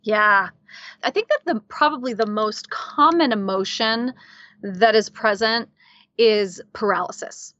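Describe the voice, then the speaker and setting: A woman guest talking in a casual interview, animated, laughing often and leaning on filler words. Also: medium pitch, measured pace, no room sound, muffled recording. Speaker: guest coach.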